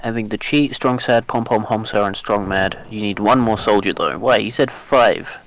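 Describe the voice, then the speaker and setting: A man with a fairly low voice talks casually through a game. He thinks aloud and stops and starts as he goes. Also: moderate pace, a bit bright. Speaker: gamer. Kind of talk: casual gameplay chat.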